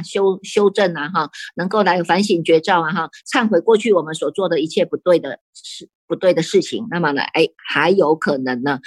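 A woman, a Buddhist nun with a Taiwanese Mandarin accent, giving a sutra sermon in an animated storytelling way, full of rhetorical questions and tag particles. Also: fairly low pitch, slightly rough, no room sound.

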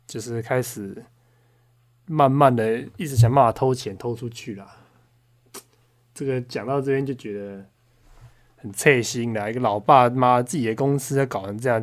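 Foul-mouthed young man, ranting. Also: medium pitch. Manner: swears constantly, heated and indignant; frequent fillers and restarts, storytelling. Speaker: podcast host. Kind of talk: casual ranting monologue.

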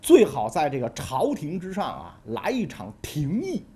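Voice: medium pitch, wildly swooping pitch, a little slow, dark tone, voice pushed down. A storyteller voicing a folksy, pragmatic male ancient ruler who muses in colloquial speech. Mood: deliberating. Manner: colloquial, musing, rhetorical "right?".

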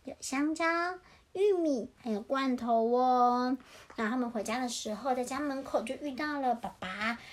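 A woman's voice: high voice, moderate pace. Singsong woman telling bedtime stories. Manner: gentle, singsong, addressing children. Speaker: parent storyteller. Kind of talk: bedtime story reading.

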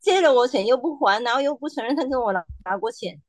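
A woman chatting as a podcast guest, telling her own story with animated quoted asides. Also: fairly high pitch, no echo. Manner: animated storytelling, quoting others in quick asides. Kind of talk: casual chat.

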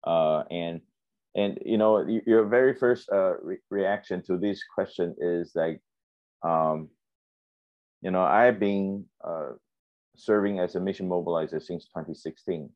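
Deep-voiced man, halting interviewer. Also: dry recording. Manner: halting, restarts often while searching for words. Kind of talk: conversational interview. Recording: dry, dull lo-fi sound.

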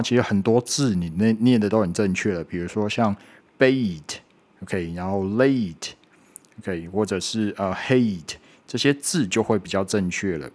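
A man with a somewhat low voice gives a spoken pronunciation lesson. He talks patiently and demonstrates each sound slowly, repeating it several times. He often checks in with a quick "OK". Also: a little mellow. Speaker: English pronunciation teacher.

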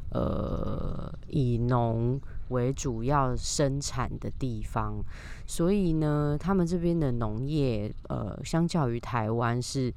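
A podcast host with a Taiwanese Mandarin accent chats casually alone, speaking through a face mask that slightly muffles the words. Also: medium pitch. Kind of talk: casual solo podcast talk. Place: outdoors in a park. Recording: outdoor recording with faint background noise. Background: faint natural ambient sound.

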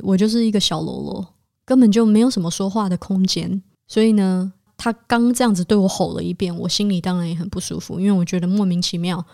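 A woman's voice: mid-range voice, warm tone, no room sound, studio quality. A young woman, a resident physician hosting her own podcast, tells a story from her hospital work in a casual way, mixing English medical terms into her talk. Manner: conversational retelling that mixes in English medical terms.

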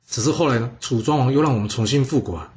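A man's voice: mid-range voice, fast, darkish tone, close to an everyday voice. A man voicing a scheming, wheedling ancient prince in a told story. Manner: wheedling, sly. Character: scheming, fawning ancient prince, male adult.

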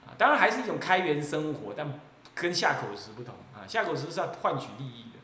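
A man from Taiwan with a Taiwanese accent, an abbot giving a Buddhist sermon in a lively, mocking way and often laughing. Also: fairly high pitch, fast talker. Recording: echoey roomy recording.

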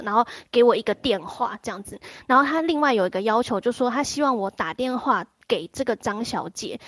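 A woman, telling a story on a talk show in an animated way, full of restarts and repeats. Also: medium pitch, no room sound. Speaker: guest storyteller. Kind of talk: casual storytelling on a live chat show.

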